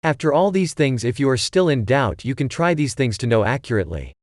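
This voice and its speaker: Guy reading a numbered advice list, steady and measured, dry close sound. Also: medium pitch, no room sound. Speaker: narrator. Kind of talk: scripted advice narration.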